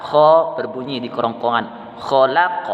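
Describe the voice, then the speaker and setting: A male teacher with an Indonesian accent, explaining Quran recitation to children slowly and carefully, repeating letter sounds. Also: mid-range voice. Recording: long reverb, dull sound, faint music.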